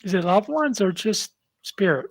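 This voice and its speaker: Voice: medium pitch, lively intonation, moderate pace, no echo. A podcast host in casual chat, curious and asking lots of questions. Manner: curious, asks many questions.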